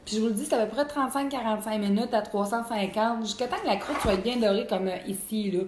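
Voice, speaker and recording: A woman's voice: a little high, fast. Chatty Québécois woman hosting a cooking live. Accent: Québécois French. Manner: chatty and animated, full of fillers. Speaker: cooking show host. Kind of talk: live-stream cooking chat reading comments. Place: home kitchen. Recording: echoey room with faint noise.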